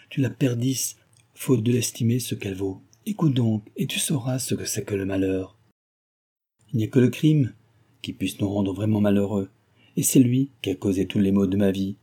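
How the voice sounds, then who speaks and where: A man's voice: on the low side, dark tone, breathy edge. A man voicing a stern, brooding older man who moralizes severely, read as a character in an audiobook. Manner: severe, reproachful declaiming.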